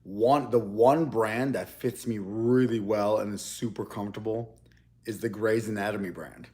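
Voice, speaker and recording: A young man, a mukbang YouTuber, chats casually and loosely while eating on camera, rambling and frequently restarting his sentences. His voice is lowish and slightly mellow, at a normal speed.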